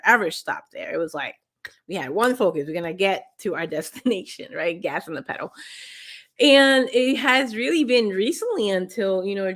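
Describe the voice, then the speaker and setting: A woman's voice: on the low side, a bit bright. A woman vlogger earnestly sharing her motivation habits in casual talk to camera, with many restarts and fillers. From grew up partly in Peru.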